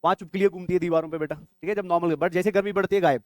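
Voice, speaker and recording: Man, biology exam-prep lecture, high quick voice, quizzing students, dry close sound. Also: fairly even intonation, a little mellow, no room sound. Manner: quizzing students with rapid questions, calling them "beta". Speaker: biology teacher.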